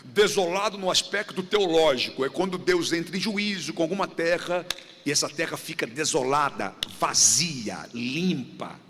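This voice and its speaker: Animated high-voiced preacher in a hall. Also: male voice, normal speed, a little hiss or hum. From Brazil. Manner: animated preaching with repeated refrains and acted-out dialogue. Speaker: guest preacher. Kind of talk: sermon. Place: church sanctuary. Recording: church hall reverb.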